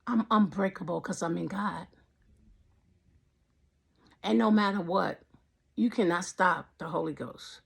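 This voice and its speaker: A woman's voice: lowish voice, unhurried, vocal fry, long pauses, slightly rough. A woman in her fifties giving an impassioned personal faith testimony, repeating her phrases in a preacherly way. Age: 50s. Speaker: vlogger.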